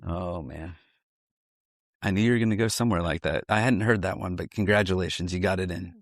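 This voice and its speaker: A man's voice: deep voice, brisk, no room sound, studio quality. A man hosting a conversational Bible teaching outdoors, explaining eagerly and often restarting his sentences. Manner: animated explainer with frequent restarts. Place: outdoors at ancient hilltop ruins.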